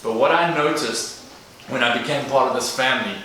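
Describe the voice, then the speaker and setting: In a large, echoey event room, a guest speaker in his thirties with a South African accent delivers a motivational talk, earnest and aimed straight at the crowd. His mid-range voice has a sharp tone and a fairly quick pace; the mic is distant, with faint background noise.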